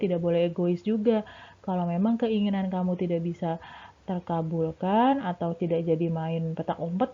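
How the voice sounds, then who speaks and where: A woman primary school teacher giving a recorded lesson to young pupils, speaking gently and patiently. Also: fairly low pitch, breathy edge. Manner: gentle, patient, addresses children as Nak. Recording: tinny phone-like sound.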